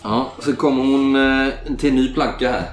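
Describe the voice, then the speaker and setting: Swedish game master in an echoey room. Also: male voice, mid-range voice, faint music behind. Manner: relaxed, describing the action step by step. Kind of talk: narrating a tabletop game.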